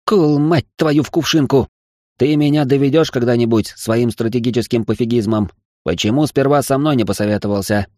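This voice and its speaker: A man voicing a loud, excitable male partner who scolds and bosses in an audiobook reading. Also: mid-range voice, moderate pace, no room sound, studio quality, voice pushed up, natural voice. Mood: exasperated. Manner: shouting, exasperated scolding.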